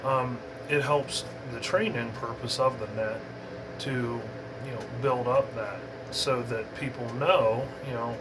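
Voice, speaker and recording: A man with a medium-pitched voice, an amateur radio hobbyist, gives an introduction in an informal hobby tutorial. He speaks unscripted and halting, wandering as he explains, with a clear, steady background noise behind him.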